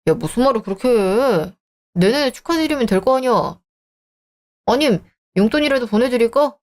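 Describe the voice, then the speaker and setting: A woman's voice: fairly high pitch, lively intonation, normal speed, darkish tone, close to an everyday voice. A woman voicing a selfish young married man who talks in a dismissive, irritated way, in a dramatized story. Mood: scornful.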